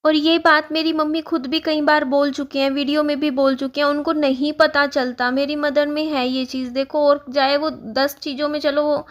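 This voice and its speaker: A woman's voice: sits high, fairly bright tone. A young woman vlogger telling a personal story in a casual, earnest way, explaining at length with many fillers.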